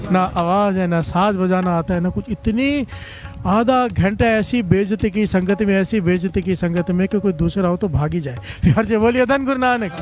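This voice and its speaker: Man, high voice, devotional preacher, storytelling sermon, call-and-response exhortations, faint music beneath. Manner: exhorting, repeatedly leads the congregation in call-and-response; animated, rises in pitch on exhortations. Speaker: Sikh katha preacher. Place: religious gathering before a congregation.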